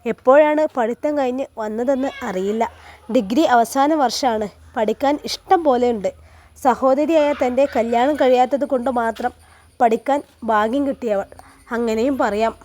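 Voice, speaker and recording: A woman with a Malappuram Malayalam accent tells a story. Her voice is high and light. She narrates calmly and evenly. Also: normal speed.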